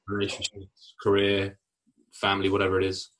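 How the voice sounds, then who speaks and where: Kiwi guy hosting a fitness podcast, lowish crisp bright voice, matey and encouraging. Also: monotone, fairly quick, low-quality recording. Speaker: podcast host, fitness coach. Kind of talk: casual podcast interview.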